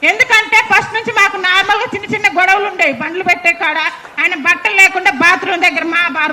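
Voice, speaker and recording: High, bright-voiced woman. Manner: urgent, insistent retelling, often addressing the listener as sir. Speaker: mother recounting an incident. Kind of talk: emotional spoken account to an interviewer.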